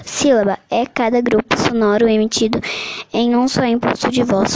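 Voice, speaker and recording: Lady slowly reading out grammar notes, kinda high voice, keeps stumbling and fixing words. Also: a little mellow, dry recording, rough recording. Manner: slow, halting reading with restarts and self-corrections. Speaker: teacher reading a study summary. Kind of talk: read-aloud grammar lesson.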